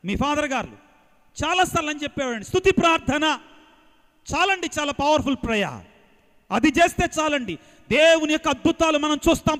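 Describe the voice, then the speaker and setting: Priest preaching to a big crowd, really high voice, lots of call and response. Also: male voice. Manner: lively call-and-response preaching, mixing English phrases. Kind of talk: sermon to a large congregation. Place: large outdoor gathering. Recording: long hall reverb.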